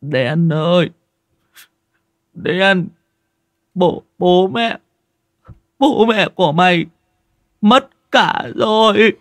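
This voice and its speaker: A man voicing a boisterous village man in his thirties, shouting and jolly, in a spoken ghost story. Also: fairly high pitch, sing-song, unhurried, no echo, pitched above the performer's own voice. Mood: tearful.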